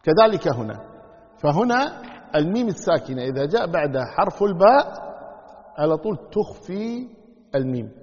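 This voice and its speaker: A man's voice: fairly high pitch, big pitch swings, normal speed, long pauses, a little mellow. A man teaching the rules of Quran recitation, repeating key words and sounding out examples. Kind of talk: tajweed lesson explaining rules. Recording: lo-fi recording with long hall echo.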